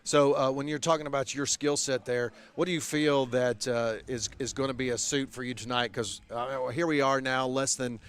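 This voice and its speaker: A man with a clear, smooth voice at a middle pitch conducts a pre-fight sports interview. His questions come out long and halting, padded with frequent uhs. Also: steady tone, fairly bright tone. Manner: hesitant, wordy phrasing with frequent uhs.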